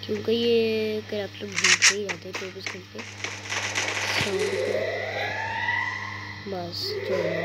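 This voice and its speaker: A woman with a sore, rough throat chats her way through a game, talking casually to her viewers and slipping English phrases into her speech. Her voice sits at an ordinary middle pitch. Loud noise and steady clicking fill the background behind her. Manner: chatty, mixes English phrases into her talk. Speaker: gamer. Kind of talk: casual gameplay commentary.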